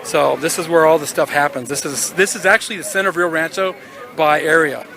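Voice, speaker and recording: A man's voice: fairly high pitch, fairly even intonation, brisk, vocal fry, pushed and bright. A man chatting casually outdoors, pointing out local sights in a friendly way. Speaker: local interviewee. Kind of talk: casual chat. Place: outdoors in a city street.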